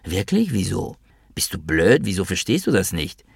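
A man's voice: low voice, sing-song, normal speed, gravelly, breathy edge, no room sound, clean studio sound, exaggerated voice. A man voicing an irritable, scornful male monk in a spoken story, talking in a mocking, snapping way.

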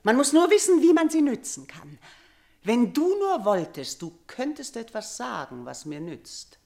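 An actress playing an aging queen and mother haunted by nightmares, in theatrical 1950s radio drama style, swinging from loud cries to hushed near-whispers. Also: fairly high pitch, very animated, unhurried, vocal fry, heavily acted. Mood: brooding.

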